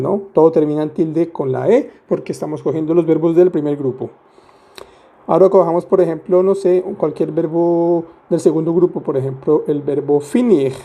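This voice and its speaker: A male teacher walks through a grammar lesson at an unhurried, deliberate pace. His voice is deep-toned and mellow, sitting a little high for a man. He is patient and playful, asking questions of the listener as he explains each step. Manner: patient, asks rhetorical questions, playful asides. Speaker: French teacher.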